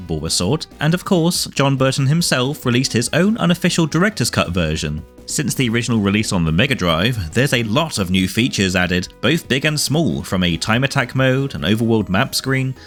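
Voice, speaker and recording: A man's voice: mid-range voice, big pitch swings, normal speed, few pauses, a bit bright. A man narrating a scripted game retrospective with wry, dry asides over background music. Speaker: video game reviewer and narrator. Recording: music behind the voice.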